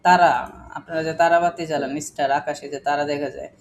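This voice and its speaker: A man's voice: a little high, fairly even intonation, fast, a little hiss or hum. Man teaching a phonics class. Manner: questioning, repetitive drilling of examples. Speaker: English teacher.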